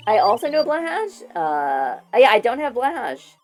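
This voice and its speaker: A woman streamer chatting casually with her viewers through a voice changer that shifts her pitch down, giggling and rambling as she answers them. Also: sing-song, moderate pace, faint music behind. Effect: voice changer, pitch shifted lower.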